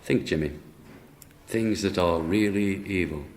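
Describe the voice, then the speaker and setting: A man playing an officious, evasive head angel in a radio drama, speaking in a formal, measured, bureaucratic manner. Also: low-pitched. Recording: roomy echo, faint noise.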